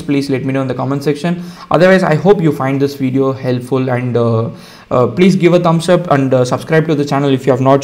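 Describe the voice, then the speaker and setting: Indian man talking through a coding tutorial. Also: medium pitch. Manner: relaxed, explaining step by step with many fillers. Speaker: tutorial host. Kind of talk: casual screen-share coding tutorial.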